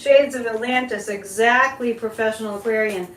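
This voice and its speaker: A woman's voice: fairly high pitch, moderate pace, a bit bright. A woman hosting a casual psychic live stream, talking conversationally and directly to her viewers. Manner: conversational, addresses listeners directly. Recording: roomy echo, background noise.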